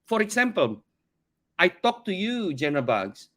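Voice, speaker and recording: His voice is high, fairly bright and very animated, yet his pace stays measured. He's a middle-aged company CEO from Indonesia, a podcast guest earnestly sharing his story in second-language English, often repeating words as he hunts for phrasing in this conversational interview.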